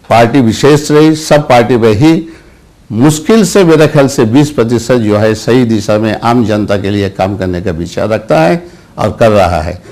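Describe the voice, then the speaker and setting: An older man, a senior journalist, answering interview questions slowly, with pauses, restarts and repeated words. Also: medium pitch, a little mellow. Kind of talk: interview answers, recalled anecdotes.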